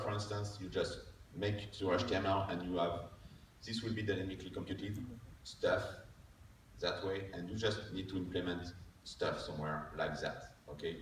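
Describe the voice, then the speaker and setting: A man who is a non-native English speaker gives an informal technical lightning talk, explaining step by step and often checking in with a short tag question. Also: low-pitched. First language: not English. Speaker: conference speaker. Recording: distant mic, echoey room, faint noise.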